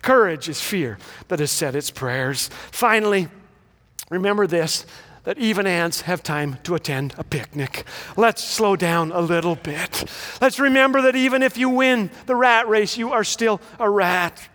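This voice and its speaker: A man's voice: high voice, moderate pace, a bit bright. A middle-aged man giving a humorous, inspirational graduation speech, telling stories with comic timing. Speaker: graduation speaker. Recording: echoey hall reverb.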